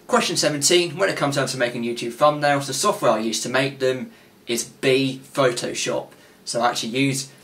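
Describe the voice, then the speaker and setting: This twenty-one-year-old hosts a casual quiz to camera, filling his rambling with restarts and filler words. He's in a small indoor bedroom with a gaming desk, and his medium, slightly bright voice is tiring.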